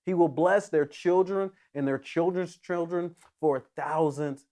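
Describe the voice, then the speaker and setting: A male pastor delivering a sermon with earnest emphasis. His voice sits on the higher side for a man. He often stops and restarts his phrases as he presses a point home. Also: unhurried, warm tone.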